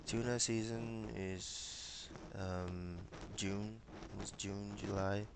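Young man, from Micronesia, low flat voice, hesitant with fillers, headset on video call, noisy audio. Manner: hesitant, pauses with many fillers. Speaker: interviewee. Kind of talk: casual interview answers. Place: small room with bookshelves, indoors.

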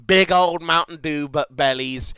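A young man, streaming casually, excitable and profane, rambling between asides. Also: fairly high pitch, measured pace. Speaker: livestreamer. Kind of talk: casual livestream reaction chat.

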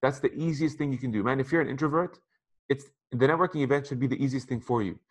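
Speaking fast at a medium pitch, this thirty-something interview guest gives laid-back advice over a video call, wearing headphones in an apartment room beside a window. His manner is conversational, with frequent repeated words.

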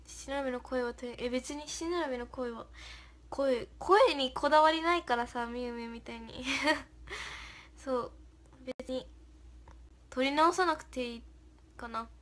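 A woman's voice: high voice, a little slow, pauses often, fairly bright tone. A young woman hosting a casual livestream, reading viewer comments aloud, thanking them, and giggling often. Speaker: idol livestream host.

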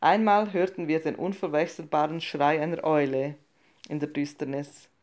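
A woman with a fairly low voice reads a short story aloud. Her narration is calm, measured and subdued, unhurried from line to line. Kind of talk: audiobook reading of a short story.

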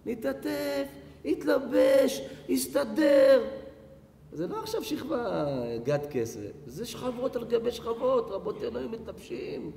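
A high-voiced rabbi tells a Talmud story with animated, joking energy and a chanting lilt. His voice rings out in a large hall with long reverb. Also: vocal fry, slight background noise. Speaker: rabbi giving a lecture. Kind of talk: sermon storytelling.

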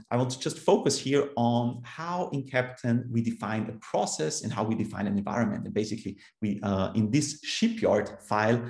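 Over a video call, a thirtysomething Austrian man delivers a technical conference talk in an Austrian German accent, explaining steadily though with fillers and restarts. His voice sits at medium pitch, gravelly and darkish in tone, and the room around him echoes.

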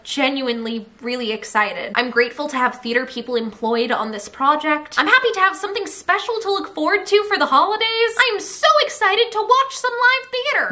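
A woman's voice: sits high, bright, forceful tone. A woman hosting a theatre news vlog, talking to camera in a chatty, joking and enthusiastic way. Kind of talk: casual scripted commentary to camera.

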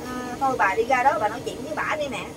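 An older woman tells her story in animated, rapid bursts. She acts out other people's words as she goes. Her high voice is caught from some distance away. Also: noisy background. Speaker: interviewee. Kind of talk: heated storytelling.

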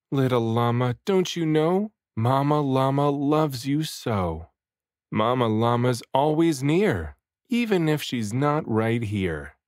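A man's voice: mid-range voice, no echo, clean studio sound. A man voicing a mother llama in a storybook, chiding yet loving toward her child. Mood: tender.

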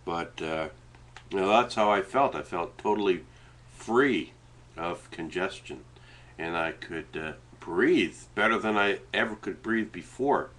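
Male, middle-aged, low-pitched, Canadian Maritime accent, nasally congested; halting, informal home-webcam rambling. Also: fairly bright tone. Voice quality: congested, stuffed-up nasal sound. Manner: rambling, hesitant, sometimes talking while eating. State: stuffy, runny nose. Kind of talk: casual chat to webcam. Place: small indoor room at home. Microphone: webcam setup at desk distance.

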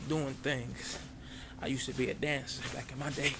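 A man plays a jittery addict down on his luck in an ASMR role-play for ASMR. The voice is full of gravelly creak and moves little in pitch. He rambles, repeats himself and pleads for handouts, with clear noise in the recording. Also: flat delivery, moderate pace, natural voice. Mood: wistful rambling.

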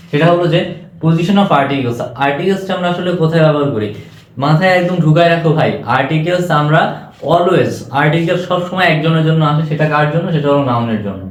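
A man with a Bangladeshi Bengali accent and a fairly high voice gives an exam-prep English lecture, repeatedly asking students whether they understood. The audio is dull and the room echoes.

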